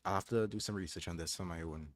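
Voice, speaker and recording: Reading from a book on his livestream, a young male host talks fast in a deep voice. Between passages he chats in a thoughtful, hesitant way and often starts over.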